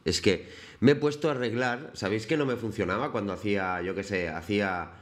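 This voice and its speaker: A man's voice: on the low side, brisk. Chatty man hosting a live stream. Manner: chatty, greets viewers by name. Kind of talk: casual chat while painting on stream.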